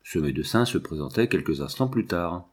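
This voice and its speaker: A man narrating a novel as an audiobook reading, in a measured literary way. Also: sits low, lively intonation, breathy edge.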